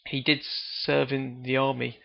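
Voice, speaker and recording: A man's voice: mid-range voice, little pitch movement, a little slow, vocal fry. A man co-hosting a podcast, chatting casually and hesitantly about an old film, with a light chuckle. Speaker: podcast co-host. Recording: dull lo-fi podcast audio.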